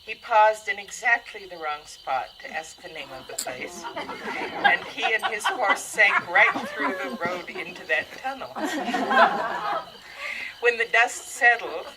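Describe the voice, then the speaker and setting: A woman's voice: mid-range voice, lively intonation, unhurried, crowd noise. A woman reading a story aloud to an audience in a dry, wry manner. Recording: audible background noise.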